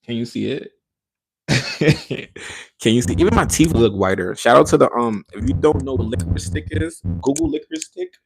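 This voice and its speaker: Gravelly, husky man chatting casually. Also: mid-range voice, normal speed. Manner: rambling, animated storytelling with slangy asides and quoted voices. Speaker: podcast host. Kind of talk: casual solo podcast chat.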